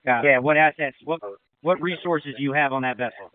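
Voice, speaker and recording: A man acting as incident commander, giving brisk, directive orders over a marine radio channel. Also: a little high, smooth, dry recording, narrow, tinny audio. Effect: marine radio transmission. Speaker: river branch incident commander. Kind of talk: emergency radio dispatch.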